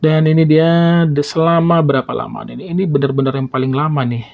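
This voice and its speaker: A man with a fairly high-pitched voice talks through a gaming test in an informal way. He comments casually as he plays and reviews, often adding little tag words to his statements. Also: brisk, creaky, phone-quality sound.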